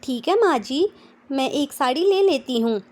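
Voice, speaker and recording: A woman's voice: high voice, expressive, a little slow, a little mellow, pitched above the performer's own voice. A woman voicing a bubbly, cheeky young woman who talks in a chirpy, playful, exclaiming way. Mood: eager.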